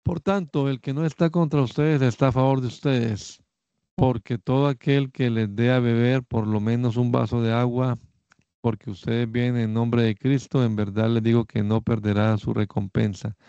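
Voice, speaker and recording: A man reading Bible passages aloud in a measured, steady way, lifting his voice slightly for quoted speech. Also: mid-range voice, smooth, no room sound, lo-fi sound. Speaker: Bible reader.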